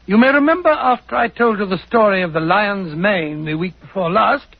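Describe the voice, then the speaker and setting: Doctor Watson, a high-voiced husky old gentleman. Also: normal speed. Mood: genial. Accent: English. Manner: chuckling, courteous, old-fashioned gentlemanly bluster. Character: genial elderly English doctor, old-fashioned and chatty. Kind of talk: 1940s radio acting. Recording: dull, muffled 1940s radio recording.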